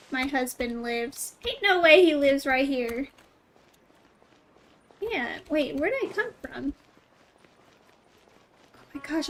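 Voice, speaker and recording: A woman streaming video games gives casual, chatty commentary, playfully reacting out loud and talking to herself. Her high voice has a fairly bright tone, and the low-quality recording carries a little hiss or hum.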